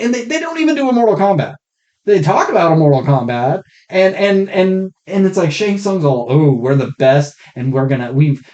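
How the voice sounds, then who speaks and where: A podcast co-host with a warm, mid-range voice talks through movies in a casual review chat, rambling, blunt and full of swearing. His rough, faulty mic makes the sound muffled.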